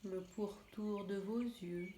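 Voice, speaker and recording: A woman leading a guided relaxation in a soothing, gentle, unhurried manner. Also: medium pitch, fairly even intonation. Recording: roomy echo, clear background noise, birdsong. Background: birdsong and nature ambience.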